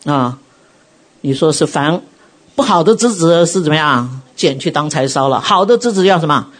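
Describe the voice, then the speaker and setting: Husky-voiced woman preaching a sermon. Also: sits low, moderate pace. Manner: animated storytelling, acts out quotes. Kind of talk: sermon with personal testimony.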